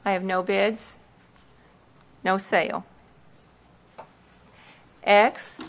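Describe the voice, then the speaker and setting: A woman's voice: mid-range voice, a bit bright. A woman auctioneer formally reading out parcel numbers and bids at a tax sale in a plain, procedural way.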